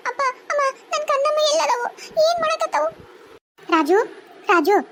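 A woman voicing a grieving young ghost wife in a cartoon, pleading and wailing in a North Karnataka Kannada accent. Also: slight background noise. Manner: very high, fast, pleading and wailing. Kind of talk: cartoon voice acting.

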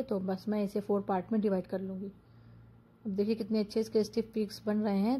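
A woman narrating her own cooking video as a voice-over, calmly explaining each step. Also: medium pitch, breathy edge. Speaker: cooking vlogger.

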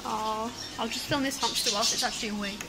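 A woman's voice: a little high, fairly even intonation, fairly quick, heavy background noise. A young woman chatting casually and cooing at animals while filming in a pet shop. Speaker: vlogger. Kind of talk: casual chat while shopping. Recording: loud shop ambience.

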